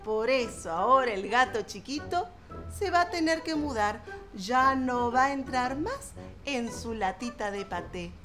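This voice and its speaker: Playful high-voiced woman telling a children's tale. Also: measured pace, over music. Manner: playful, expressive, with voiced sound effects. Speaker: storyteller. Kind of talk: children's storytelling.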